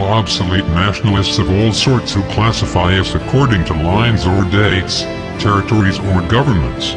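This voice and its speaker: A scripted manifesto is delivered in a defiant, declaiming style by a man whose voice is disguised, pitched down to sound deep. Music plays behind him.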